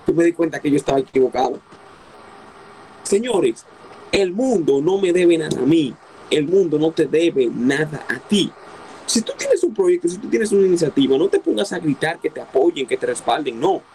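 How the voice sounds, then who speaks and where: Male preacher, fairly high voice, insistent sermon delivery built on repeated phrases and direct questions to the listener. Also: mellow, a little hiss or hum, rough recording. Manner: emphatic, repeats key phrases, asks rhetorical questions.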